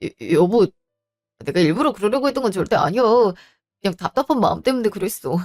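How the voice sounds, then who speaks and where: A woman's voice: mid-range voice, expressive, a little fast, a little mellow, soft background music, close to an everyday voice. A woman voicing a cheating husband and father who pleads and makes excuses in a defensive, wheedling way. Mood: pleading. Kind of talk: storybook voice acting.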